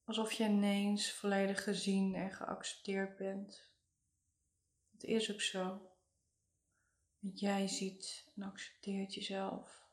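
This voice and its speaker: A woman narrates a guided meditation at a slow, unhurried pace. Her delivery is soothing and hushed, with very little rise or fall in pitch. The voice sits in a noticeably echoey room. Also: completely flat delivery.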